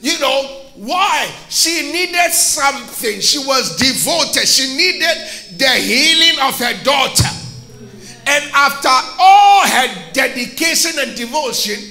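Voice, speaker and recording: A man preaching a sermon as a pastor in a church, with impassioned bursts of shouting and call-and-response with his congregation. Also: very high voice, expressive, slow, echoey room, faint music behind.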